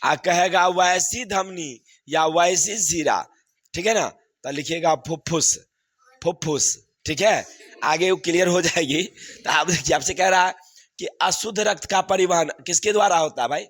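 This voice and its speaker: A man's voice: high voice, normal speed, a bit bright. A man, teaching a class and going over exam answers, repeating questions and laughing often.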